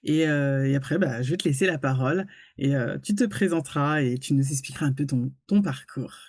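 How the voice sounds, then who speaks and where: A woman hosting an interview, speaking gently and reflectively with frequent pauses and hesitations. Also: rumbling low, no echo. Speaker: interviewer and host. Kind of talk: warm interview introduction.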